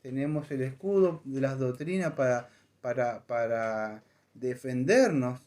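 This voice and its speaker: A man preaching a conversational sermon in a church, animated and acting out voices in his stories. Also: medium pitch, unhurried. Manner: animated, acts out voices in anecdotes. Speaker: pastor.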